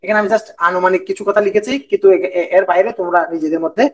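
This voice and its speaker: A man's voice: high voice, fairly even intonation, rapid-fire, slight background noise, poor audio. A man with a Bangladeshi Bengali accent giving an online lecture as an exam interview coach, often repeating himself and mixing in English. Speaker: BCS viva coach.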